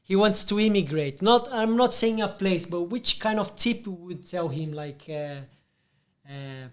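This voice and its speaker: A man's voice: sits high, lively intonation, a little slow. A Brazilian man with a Portuguese accent, hosting a casual interview and rambling through his questions with restarts. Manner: rambling, frequent restarts and fillers. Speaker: podcast host.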